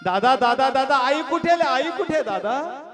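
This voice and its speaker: A man's voice: very high voice, animated, measured pace, a crowd in the background, voice pushed up. A man voicing a pleading, tearful little five-year-old girl searching for her parents.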